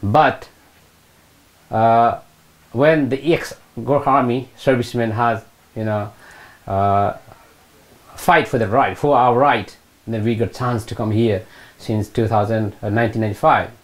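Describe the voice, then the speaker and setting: This interviewee, a middle-aged retired British Army Gurkha from eastern Nepal, speaks at a measured pace in a medium-pitched, fairly even voice with a Nepali accent. Recounting personal memories for an oral history, he hesitates and often repeats phrases. A lapel mic picks him up as he sits on a sofa in a small room.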